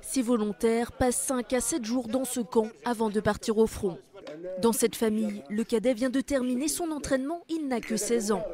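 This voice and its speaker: A woman reporter narrating a field report in a calm, clear voice-over. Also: fairly high pitch, moderate pace, crowd noise. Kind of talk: scripted news voice-over.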